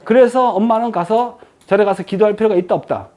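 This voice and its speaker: A woman's voice: mid-range voice, quick pace. A woman giving a lecture, asking the audience frequent questions and answering them herself. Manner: lively rhetorical questions to the audience.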